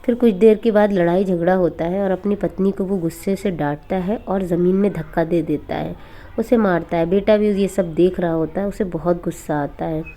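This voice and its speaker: A woman narrating a cartoon horror story in a plain, steady storytelling manner. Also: on the low side, moderate pace.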